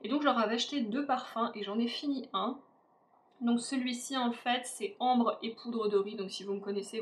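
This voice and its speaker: Brief: female beauty vlogger, somewhat high voice, casual rambling delivery, roomy echo with faint background noise. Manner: chatty, hesitant with many fillers. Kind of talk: casual product review. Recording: echoey room, faint ambient noise.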